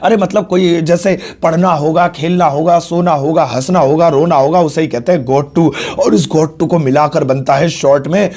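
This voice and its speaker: A man teaching spoken English in Hindi, joking between points and slowing down to spell out the example sentences. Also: a little high, darkish tone.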